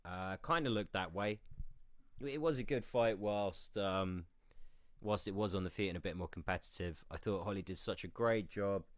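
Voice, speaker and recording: A man's voice: low-pitched, normal speed, no room sound, clean studio sound. A hungover man co-hosting a casual sports talk, groping for words and swearing freely. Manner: sweary, informal. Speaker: podcast co-host.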